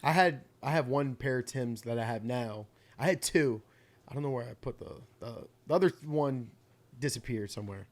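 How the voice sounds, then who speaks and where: A young man from New York talking casually on a podcast. His voice sits at an everyday middle pitch, and his manner is loose and playful, with frequent laughter between remarks. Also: moderate pace. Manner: laughs often, easygoing banter. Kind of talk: casual chat.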